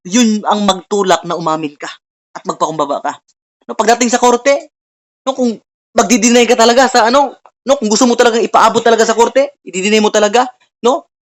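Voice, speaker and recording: A woman preaching earnestly at an online Bible study over a video call, often tagging her lines with a questioning "no?". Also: mid-range voice. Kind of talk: online sermon.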